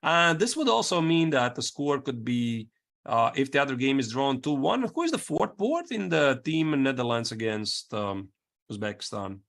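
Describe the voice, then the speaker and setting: A man gives chess analysis as a co-commentator. His voice sits at a middle pitch. He talks conversationally, reasoning aloud through the moves one step at a time. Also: big pitch swings, moderate pace, creaky, a bit bright.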